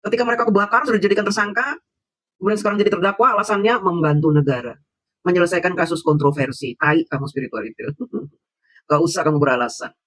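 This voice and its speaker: Fast, high-voiced man ranting scornfully. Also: fairly bright tone, no echo. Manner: mocking, insulting, heated; laughs scornfully. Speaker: political commentator. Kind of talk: angry political vlog rant.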